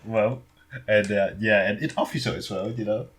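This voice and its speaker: Husky low-voiced man, English. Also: fairly even intonation. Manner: short agreeing replies, halting non-native phrasing. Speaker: podcast co-host. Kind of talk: casual film discussion.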